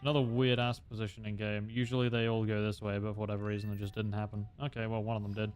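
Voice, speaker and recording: A man's voice: lowish voice, level tone, fast talker, darkish tone, highs cut off, soft background music. A young man streaming a flight game, chatting casually and explaining tactics with lots of fillers. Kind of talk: casual gameplay commentary.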